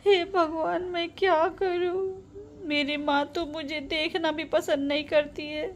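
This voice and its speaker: A woman's voice: high voice, steady tone, slow, a little hiss or hum. A woman voicing a mistreated young daughter who answers meekly and pleads through tears. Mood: tearful. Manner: meek, pleading, sobbing. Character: mistreated teenage daughter, meek and tearful.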